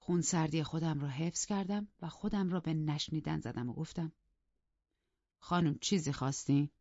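Audiobook narrator: woman, lower voice, calm and measured; dry, dull studio sound. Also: no room sound. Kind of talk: scripted narration of a novel.

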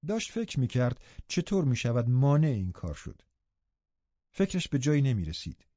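A man narrating an audiobook in a steady storytelling manner. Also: medium pitch, dry recording. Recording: dull, dry studio recording.

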